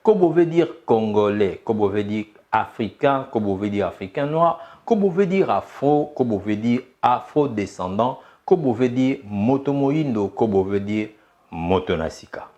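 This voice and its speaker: Male host, lowish, animated intro read, muffled lo-fi audio. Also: a little slow. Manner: declamatory, repetitive listing. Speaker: channel host. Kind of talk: scripted show introduction. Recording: dull lo-fi audio.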